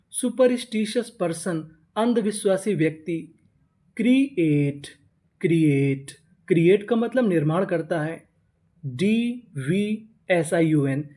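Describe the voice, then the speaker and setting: A man teaching English reading, spelling words out letter by letter, asking questions and answering them himself, stretching each model word slowly. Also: high-pitched, mellow. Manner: slow drawn-out model pronunciations.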